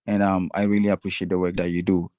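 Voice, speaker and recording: A man's voice: low-pitched, little pitch movement, warm tone, no room sound, studio quality. Man on a breaking-up conference call. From Ghana. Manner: polite, halting, with many ums. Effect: conference call line that keeps breaking up. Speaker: caller. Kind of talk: casual call-in chat.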